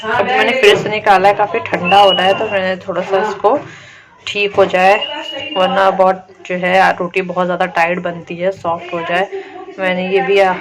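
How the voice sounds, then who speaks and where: A young woman chatting in a casual home vlog, rambling a little while she cooks and does chores in her kitchen. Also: medium pitch. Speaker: vlogger.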